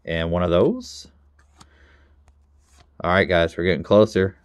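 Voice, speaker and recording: Man, casual pack-opening vlogger, lowish voice, dry close sound, chatty and easily excited. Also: measured pace, clear, resonant tone, no room sound. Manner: excitable, talks to viewers, bursts into loud exclamations. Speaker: card collector opening packs.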